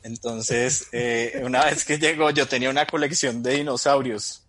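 Appearing as a guest in a relaxed interview, a Bible teacher in his thirties tells stories and often chuckles mid-sentence. His voice sits in the mid range and moves at a moderate pace.

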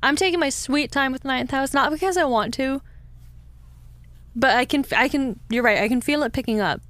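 A woman's voice: sits high, normal speed, fairly bright tone, dry recording. A young woman from California co-hosting a podcast, chatty and giggly after a few drinks. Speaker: podcast co-host. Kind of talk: casual chat.

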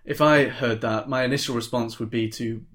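A man's voice: medium pitch, fairly even intonation, moderate pace, a bit bright. A man co-hosting a casual film review podcast, wry and chuckling, swearing casually. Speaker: podcast co-host.

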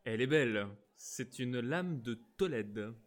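A man's voice: on the low side, lightly acted. A man voicing a proud, hot-tempered young musketeer. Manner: proud, quick to anger.

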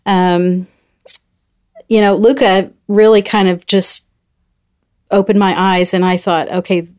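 Woman guest telling a story, casual and animated, middle-aged, average pitch. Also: slow, clear, resonant tone.

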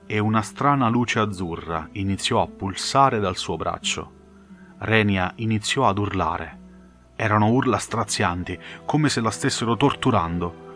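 Low-voiced male audiobook narrator. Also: a bit bright. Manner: measured, dramatic storytelling.

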